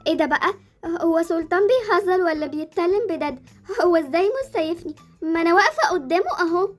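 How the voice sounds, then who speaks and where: A woman's voice: very high voice, animated, fast talker, faint music behind. A woman voicing a cheeky young girl with an Egyptian Arabic accent, chatty and bossy. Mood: annoyed.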